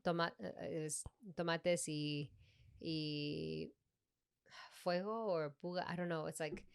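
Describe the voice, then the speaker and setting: A young woman from Peru chats on a comedy podcast. She tells animated stories, slides between English and Spanish, and laughs through her anecdotes. Her voice is smooth and clear, recorded close and dry with no room sound. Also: sits low, measured pace, no echo. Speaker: podcast co-host and stand-up comedian. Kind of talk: casual podcast chat.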